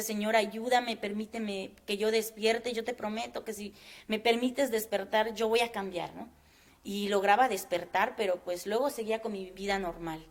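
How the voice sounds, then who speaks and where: Woman guest, mid-range voice, earnest and halting, sharing a personal faith testimony. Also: medium pitch. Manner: earnest, halting, with many fillers.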